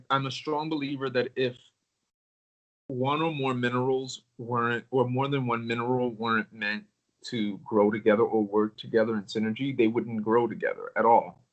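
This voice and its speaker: A man chatting casually as a crystal collector, with a mid-range voice. He rambles in a relaxed way, trailing off and circling back with plenty of ums. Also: mid-range voice, muffled recording. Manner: relaxed, rambling, with filler words. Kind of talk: casual conversation.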